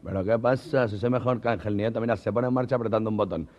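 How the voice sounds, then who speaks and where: A man's voice: fairly low pitch, fast, noisy background, lightly acted. A man voicing a laid-back slacker who drawls in street slang, on a dull old cassette. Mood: cocky.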